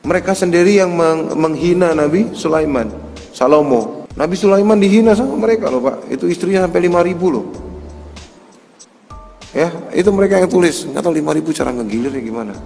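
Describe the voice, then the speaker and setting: A man's voice: fairly high pitch, animated, fairly quick, creaky, mellow, soft background music. Mocking man lecturing in a hall. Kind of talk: religious lecture.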